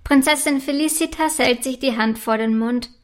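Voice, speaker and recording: Woman, children's bedtime story, scripted narration, gentle, even, high voice. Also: moderate pace.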